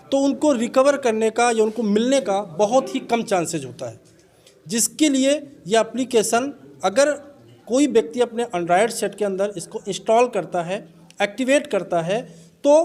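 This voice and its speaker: A man's voice: high-pitched, darkish tone. A man from India giving polite, formal interview answers as a company representative, mixing in English words.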